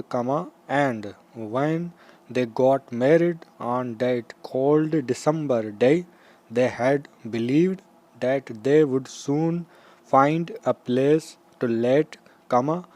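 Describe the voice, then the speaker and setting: A man reads out a school dictation very slowly and deliberately. He breaks the text into short, measured chunks with pauses between them, at a middling pitch. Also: warm tone. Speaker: dictation reader. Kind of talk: slow school dictation, read aloud with punctuation marks spoken.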